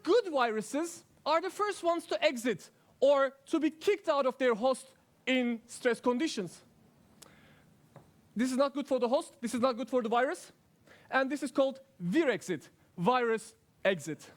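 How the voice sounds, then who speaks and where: A man's voice: very high-pitched, expressive, moderate pace. A man playing a friendly, talkative good virus in a stage science talk, speaking playfully to the audience as if they were children. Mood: playful, chatty.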